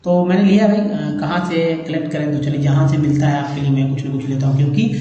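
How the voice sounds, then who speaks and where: Guy teaching english words, says each one slow over and over, really echoey room. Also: on the high side, steady tone, mellow, lo-fi sound. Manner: spells out words slowly, repeats each many times. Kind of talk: pronunciation lesson. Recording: very echoey room, long reverb.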